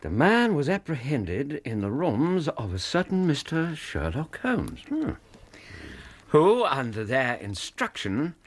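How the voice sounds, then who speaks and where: An actor playing a loyal, excitable Victorian doctor in a radio drama, English, with an earnest and slightly hesitant manner. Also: male voice, a little high, exaggerated voice. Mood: incredulous reading. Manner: earnest, warm, hesitant, quick to indignation.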